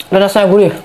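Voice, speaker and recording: A woman's voice: medium pitch, gravelly, a little hiss or hum. Chewing Sundanese woman, mouth full. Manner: relaxed, savoring food between words. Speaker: mukbang vlogger. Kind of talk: casual eating vlog chat.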